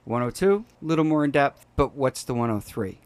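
A woman's voice: very deep voice, lively intonation, fairly quick, a little mellow, no echo. A woman co-hosting a casual podcast, mostly giving short, dry, teasing replies. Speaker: podcast co-host.

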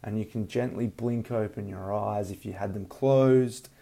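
A man speaking as a motivational coach and meditation guide, earnest and deliberate, leaning on repeated phrases, with a mellow, slightly gravelly voice. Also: lowish voice, steady tone, slight background noise. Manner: earnest, emphatic repetition, unhurried guiding.

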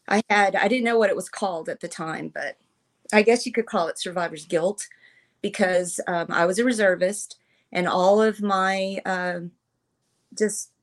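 A woman in her fifties, a military veteran guest on a podcast, telling personal stories in an earnest, emotional, halting way. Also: lowish voice. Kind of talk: personal storytelling in conversation.

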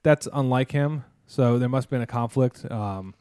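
A man in his thirties or forties, a podcast host and mascot performer, has a warm, smooth, medium-pitched voice at normal speed. In a dry, studio-quality recording, he rambles casually through stories with lots of fillers, restarts and sarcastic asides.

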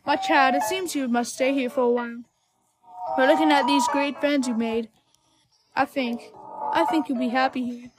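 A woman voicing a gentle, motherly female goat monster who speaks formally and kindly, in a fan dub of a game. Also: sits high, fairly even intonation, moderate pace, long pauses, over music, close to an everyday voice, low-quality recording. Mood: tender. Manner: formal, soft-spoken and kind.

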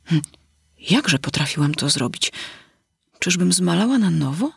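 A woman's voice: on the low side, animated, a little slow, vocal fry, breathy edge, no room sound, studio quality, full character voice. A woman reading aloud, voicing a curious, fretful little girl who wonders aloud with dramatic sighs. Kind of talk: storybook reading.

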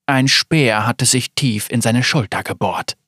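A man narrating a dramatic story in a measured, scripted reading. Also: mid-range voice, pushed and bright, husky, no echo, clean studio sound.

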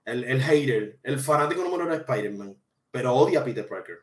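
A man with a medium-pitched voice talks quickly as he hosts a live-stream podcast, reading the live chat. He jokes and rants in animated, slangy casual talk, and the room sounds echoey.

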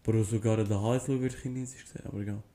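A man's voice: lowish voice, fairly even intonation, rapid-fire, mellow. A young man chatting casually as a podcast co-host in laid-back, slangy talk. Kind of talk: casual chat.

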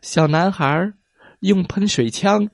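A man narrates a children's story at an unhurried pace. He reads with an expressive storytelling manner. The sound is dry and close to the mic. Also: high voice, no room sound. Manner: slow and expressive.

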